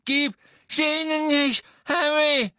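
A frightened but defiant teenage boy wizard who shouts out in desperation, as a male reader puts him on. His voice goes very high and loud, as if calling from some distance away. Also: fairly even intonation, slow pace, no echo, clean studio sound, full character voice. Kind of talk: audiobook character voice.

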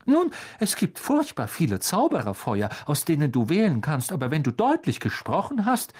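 A man doing a high, fussing motherly witch. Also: wildly swooping pitch, normal speed, darkish tone, breathy edge, exaggerated voice. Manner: high fluttering worried coaxing. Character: warm fussing motherly witch, middle-aged.

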